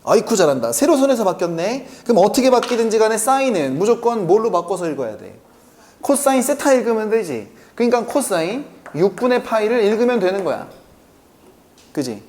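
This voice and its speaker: Lively male math teacher, quizzing students. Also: high voice. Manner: keeps checking in with quick rhetorical questions to students; answers his own questions aloud. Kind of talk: classroom math lecture.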